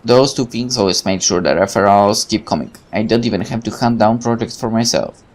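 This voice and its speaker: In a let's play, a man with a lowish, brisk voice reads a visual novel's text aloud, tossing in rambling, casual asides and occasionally tripping over words.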